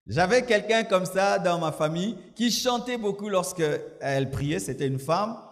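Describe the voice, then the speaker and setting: Male pastor, fairly high voice, lively sermon delivery, long hall echo. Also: a little slow. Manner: preaching with shouted mimicry and laughter.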